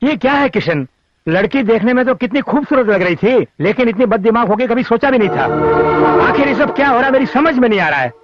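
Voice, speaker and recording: A man's voice: very high voice, lively intonation, fairly quick. A man voicing an older scolding father who complains and bosses others, on dull film audio with music.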